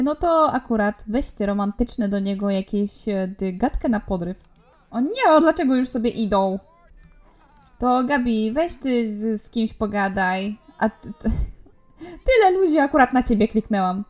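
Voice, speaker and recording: A woman's voice: on the high side, moderate pace, darkish tone, soft background music. A young woman giving casual let's-play commentary, chatting and bossing her game characters around with frequent laughs. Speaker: gaming YouTuber.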